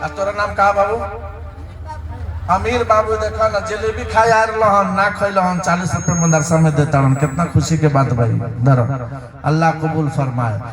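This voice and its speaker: High-voiced Bhojpuri man announcing donations. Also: moderate pace, echoey room. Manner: lively, bursts into loud sung verses. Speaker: madrasa event fundraiser announcer. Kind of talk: announcing donations at a religious gathering. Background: crowd.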